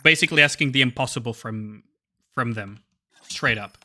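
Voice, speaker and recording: A man's voice: medium pitch, normal speed, sharp tone. A man streaming a game, chatting casually with viewers and swearing freely. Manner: swears casually, reads story lines in his own voice. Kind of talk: casual live-stream chat while reading game dialogue aloud.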